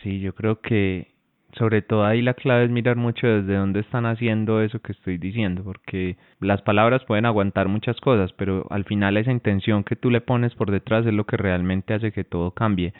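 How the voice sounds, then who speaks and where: A man co-hosting a relationship advice talk, relaxed and often restarting his phrases. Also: lowish voice, normal speed, no room sound. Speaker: co-host and relationship coach. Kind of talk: casual advice talk to viewers. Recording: tinny phone-like sound, dry.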